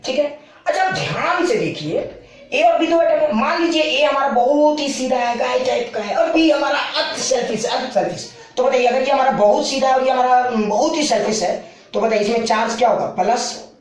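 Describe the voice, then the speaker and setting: A male physics teacher giving a casual classroom lecture, explaining with playful analogies and often checking that students follow. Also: very high voice. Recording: very echoey room.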